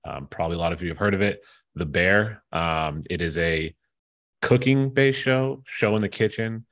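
A man's voice: deep voice, moderate pace, a bit bright. A man hosting a podcast in casual chat, laid-back with frequent fillers. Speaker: podcast host.

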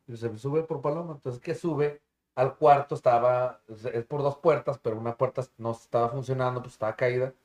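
A man with a Mexican accent telling stories in casual chat, slangy and swearing freely, animated as he retells. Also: mid-range voice. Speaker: storyteller in a podcast chat. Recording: roomy echo.

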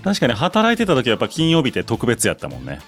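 Kansai accent guy hosting a chatty show, quick talker, music playing behind him. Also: mid-range voice, wildly swooping pitch, gravelly, fairly bright tone. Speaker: radio DJ and podcast host. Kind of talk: casual chat and reading listener letters.

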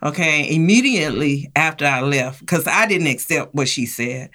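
Speaking as an interview guest, a woman recounts her own experience with animation, laughing along the way and performing the voices of the people she quotes. Her voice sits low, with a fairly bright tone, and she talks at a normal speed.

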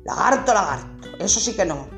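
A grumpy old ogre of a husband, as a woman puts him on, gruff and blustering. He barks his complaints over faint music. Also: medium pitch, lively intonation, brisk, fairly bright tone. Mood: grumbling.

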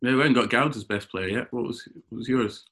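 A man who is a cricketer guest on a podcast, telling animated stories in casual chat and often repeating words as he gets going. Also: mid-range voice, a little fast. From Scotland.

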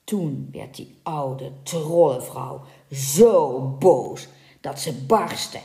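A woman reading a folk tale aloud as a podcast host, with lively, playful storytelling and small slips. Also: deep voice, drawn-out words, echoey room.

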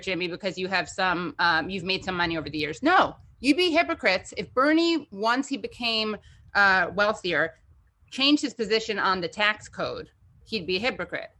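Woman, bright clear voice, chatty, animated, political discussion host. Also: medium pitch. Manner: chatty, many fillers and restarts, animated.

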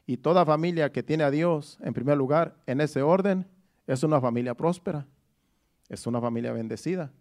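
A man's voice: a little high, moderate pace, a little mellow. A middle-aged man preaching a sermon in an earnest, personal way, often restarting his phrases. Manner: earnest, testimonial, with frequent restarts.

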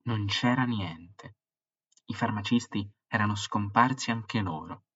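A man hosting a history podcast, reading a book passage in a measured, dramatic way with rhythmic lists. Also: lowish voice, fairly bright tone, muffled recording, slight background noise. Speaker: podcast host.

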